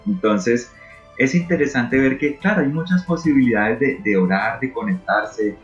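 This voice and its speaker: A man's voice: mid-range voice, lively intonation, normal speed. A man speaking as an interview guest, talking earnestly and emotionally about faith and prayer, often repeating words for emphasis. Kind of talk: reflective talk on faith and prayer. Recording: muffled recording with faint music. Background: faint music.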